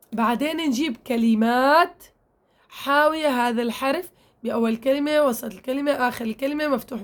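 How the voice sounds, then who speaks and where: A woman with a Levantine Arabic accent, her voice pitched high, teaches Quran recitation to female learners. She explains each point step by step, demonstrates the sounds aloud and stops often to ask if they follow. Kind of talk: tajweed lesson, addressing female learners.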